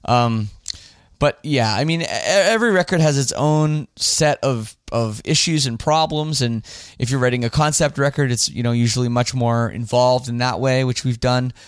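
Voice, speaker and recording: A Canadian man hosts his podcast and chats casually through listener questions, loose and rambling, backtracking often. His voice sounds smooth and resonant. The sound is close and dry, with no room around it. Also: mid-range voice, normal speed, dry recording. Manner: relaxed, rambling with fillers and restarts. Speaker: podcast host.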